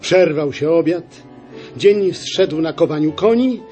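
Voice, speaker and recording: A man reading epic verse slowly and in a measured way for an audiobook. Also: fairly high pitch, lively intonation, dark tone, soft background music.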